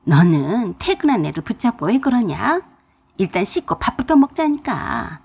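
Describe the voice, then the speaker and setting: Woman doing a bossy older mother-in-law, slow nagging drawl, husky, lively pitch, radio drama. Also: full character voice.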